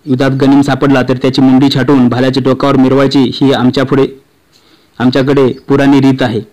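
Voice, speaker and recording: A proud enemy commander, taken prisoner but unafraid, answers his captor coolly in a storybook reading. The voice stays flat and even at a middling pitch, read by a man who narrates the whole tale. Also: fairly quick, close to an everyday voice, rough recording. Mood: defiant.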